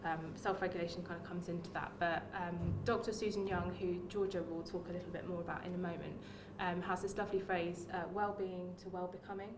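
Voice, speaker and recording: A woman with a lowish, flat voice speaks a little fast with few pauses, presenting a friendly workshop in which she frequently says "um" and talks to the whole room. She is an early years music practitioner and music therapist who used to teach, and the recording is echoey, distant and noisy.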